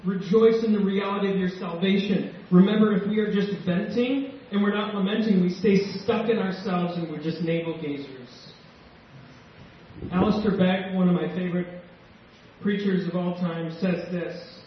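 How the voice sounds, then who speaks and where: A male pastor preaching a sermon with emotion and slow, emphatic pauses. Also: high voice, a little hiss or hum. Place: church sanctuary. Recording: echoey church hall, distant mic, dull sound.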